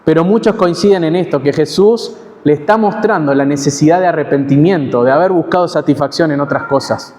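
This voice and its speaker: A man with an Argentine accent preaching an expository sermon in a measured, teaching way, pausing and correcting himself now and then. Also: on the high side, a little mellow. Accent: Argentine Spanish. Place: church hall. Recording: long church hall reverb.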